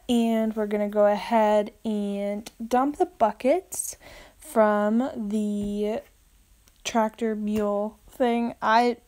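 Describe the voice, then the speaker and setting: A young woman vlogger with a voice on the high side laughs a lot as she chats casually to viewers, filming herself on a phone held at arm's length. She's in a horse barn that's partly open to the rain. The audio is poor, phone sound mixed with barn noise.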